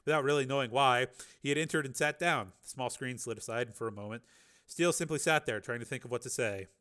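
Man narrating an audiobook, bright tone. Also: medium pitch, fast talker, clear, resonant tone. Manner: steady storytelling with small slips and restarts.

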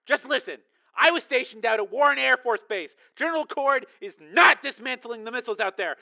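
A man's voice: extremely high pitch, expressive, fairly quick, vocal fry, bright, forceful tone, voice pushed up, exaggerated voice. A man voicing a desperate, urgent army sergeant on the run in an audiobook story. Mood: desperate, insistent. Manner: urgent, strained, commanding. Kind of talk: acted dialogue in audiobook narration.

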